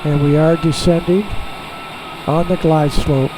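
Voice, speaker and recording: Man in a cockpit, talking over a pilot headset. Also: fairly high pitch. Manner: talks through each step in a relaxed, halting way. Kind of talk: casual narration while flying. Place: cockpit of a small jet in flight. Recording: steady cockpit and engine noise.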